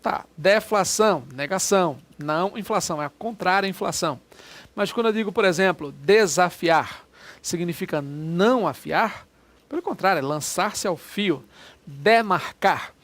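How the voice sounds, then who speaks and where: A man with a Brazilian Portuguese accent and a high, animated, slightly bright voice walks through exam questions in a lecture. He's conversational and keeps nudging the listener with quick check-ins. The recording is dry, with no room sound.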